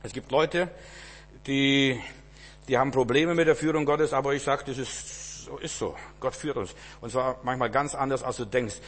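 A man preaches a sermon to his congregation at normal speed, alternating between loud, emphatic cries and low, hushed asides and repeating words for emphasis. His voice trails off into a long reverb tail.

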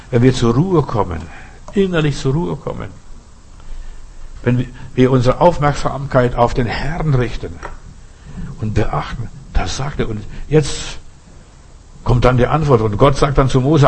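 A man's voice: breathy edge, rough recording. A man preaching a sermon, asking rhetorical questions and repeating phrases for emphasis. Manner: acts out quoted voices with sudden pitch jumps.

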